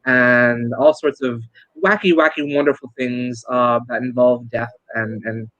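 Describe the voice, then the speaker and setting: A man explains his work with eager enthusiasm, dotting his speech with uhs and ums. His voice has a middling pitch and a dry, close sound with no room echo. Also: steady tone, unhurried, a bit bright, highs cut off. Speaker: co-host and playwright. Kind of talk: casual explaining.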